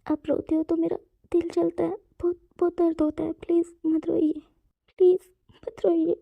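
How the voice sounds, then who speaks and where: A shy, tender young student who speaks softly and stumbles over his words, as a woman puts him on while reading a story. The voice is high, and the sound is thin and phone-like. There is no echo at all. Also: little pitch movement, fairly quick, creaky. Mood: pleading. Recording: tinny phone-like dry sound.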